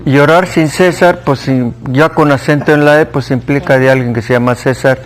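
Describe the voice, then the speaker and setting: Brisk and steady, this mid-range male voice belongs to a Bible class teacher at church with a Mexican Spanish accent. He talks conversationally, quizzing his students and going back over the main points.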